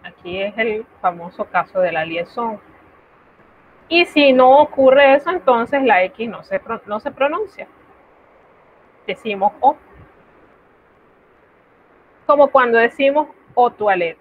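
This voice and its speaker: A woman's voice: fairly high pitch, animated, measured pace, a little hiss or hum. A woman teaching a French lesson, explaining step by step in a patient way and pronouncing each example with care. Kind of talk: recorded online class lesson. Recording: tinny lo-fi phone-like audio.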